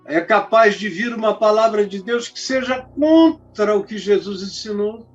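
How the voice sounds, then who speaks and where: A man's voice: sits high, a little slow, husky. A man preaching in an emphatic, colloquial storytelling style. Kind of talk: storytelling sermon. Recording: dull lo-fi recording, faint music.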